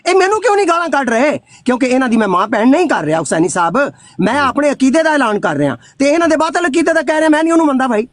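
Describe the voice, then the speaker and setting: Heated older man, high fast voice. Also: very animated, dry recording. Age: 60s. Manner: heated, accusing, stumbling restarts. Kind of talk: heated live debate.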